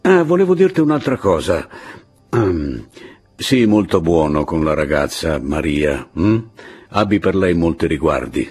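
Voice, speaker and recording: A man's voice: low-pitched, very animated, measured pace, a little mellow, faint music behind, full character voice. A man putting on a fierce, bossy peasant woman. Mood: confiding. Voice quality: husky. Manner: scolding, blunt, commanding.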